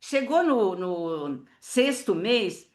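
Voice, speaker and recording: A woman's voice: mid-range voice, big pitch swings, drawn-out words. A woman, a family therapist giving a chatty online workshop lecture full of fillers and case stories, speaking into a computer mic on a video call. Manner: chatty, lots of fillers, acts out quoted dialogue.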